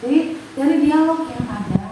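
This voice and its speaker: A woman's voice: high voice, expressive, moderate pace. A woman in her thirties, a school principal, earnestly explaining her decisions in an interview. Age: 30s. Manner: earnest, explains with examples and quoted dialogue. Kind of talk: interview about school leadership. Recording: echoey room, far from mic, noisy.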